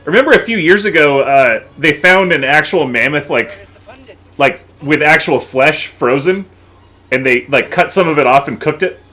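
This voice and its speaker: A man's voice: fairly high pitch, animated, moderate pace, sharp tone, faint music behind. A man co-hosting a casual movie commentary, laughing often and restarting sentences. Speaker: co-host.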